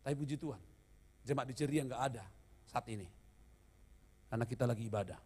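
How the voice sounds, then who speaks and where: A man's voice: mid-range voice, quick pace, a little mellow, husky. A middle-aged man preaching a sermon as pastor, mixing humorous stories with call-and-response to the congregation. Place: church hall. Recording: long church reverb.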